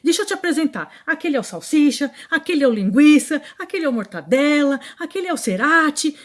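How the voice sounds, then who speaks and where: A woman's voice: high-pitched, sing-song, fast, voice pushed up. A woman quoting an eager handball coach. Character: excited male youth handball coach.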